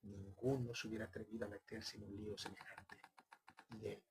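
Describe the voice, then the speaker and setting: A man reading a short story aloud in first-person narration, measured and even, putting clipped questions to the other characters. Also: lowish voice, background noise.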